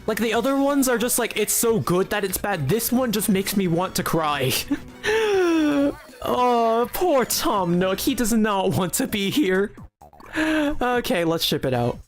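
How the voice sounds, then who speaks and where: Streamer, mid-pitched voice, giggly and rambling, mock-serious jokes to chat, faint music underneath. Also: animated, a little slow. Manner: giggly, rambling, often restarts mid-sentence. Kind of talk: casual live-stream commentary while making a game.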